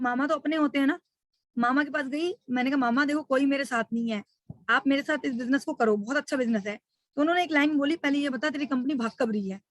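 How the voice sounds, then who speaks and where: A woman's voice: high voice, a bit bright, no room sound. A middle-aged woman giving a motivational webinar talk, telling her story with emotion and speaking straight to her listeners as friends.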